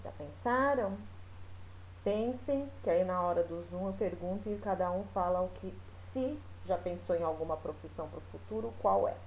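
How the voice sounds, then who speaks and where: A woman's voice: fairly low pitch, a little mellow, a little hiss or hum, rough recording. A woman teacher talking her class through a recorded lesson in a loose, chatty way, with many small fillers. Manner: explains slowly, with frequent fillers.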